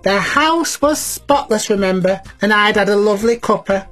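A woman's voice: mid-range voice, lively intonation, moderate pace, a bit bright, faint music behind. A woman playing a chatty, cheeky elderly granny cleaner, talking to children at home. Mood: cheery. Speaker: children's show presenter in character.

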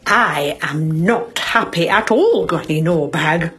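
A woman's voice: low voice, animated, fairly bright tone, soft background music, heavily acted. A woman doing a haughty posh lady. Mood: indignant. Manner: haughty, dramatic, drawn-out complaints. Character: posh snobbish rich lady, fussy and self-pitying. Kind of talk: children's comedy sketch acting.

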